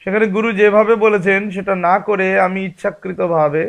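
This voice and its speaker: A man's voice: high voice, fairly even intonation, brisk, creaky. A man giving a spiritual discourse as a religious teacher, explaining patiently and asking rhetorical questions.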